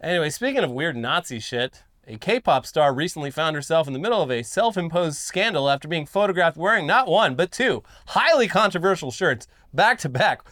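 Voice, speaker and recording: A man's voice: on the high side, fairly bright tone, dry recording, studio quality. Blunt, profane male news co-host. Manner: blunt and profane, reading articles aloud then riffing. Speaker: co-host of a news commentary show. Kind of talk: casual news commentary chat.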